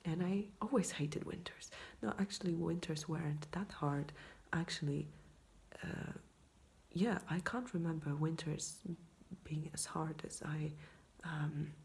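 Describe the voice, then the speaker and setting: Hushed, creaky woman whispering at night. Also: sits low, steady tone, unhurried. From Poland. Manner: quiet, hushed night-time talk, often whispering; rambling, self-deprecating. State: tired. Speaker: vlogger. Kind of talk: quiet late-night casual vlog, mostly whispered. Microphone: iPhone, leaning in close.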